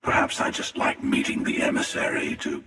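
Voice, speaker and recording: A man voicing a smug, menacing, world-weary hunter from a video game, with a breathy rasp and sardonic, deliberate delivery. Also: sharp tone. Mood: gloating, weary. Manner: sardonic, deliberate, drawling taunts. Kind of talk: video game character voice acting. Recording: echoing, long reverb, distant.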